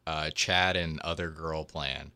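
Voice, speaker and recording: A young man in casual chat, halting with restarts and indignant reactions. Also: very deep voice, fairly even intonation, pushed and bright, clean tone.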